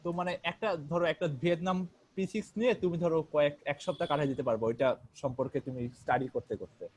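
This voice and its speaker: A man's voice: on the high side, fairly even intonation, a little fast, darkish tone, a little hiss or hum. A young man mentoring math olympiad students in a casual group call, explaining with many fillers and restarts.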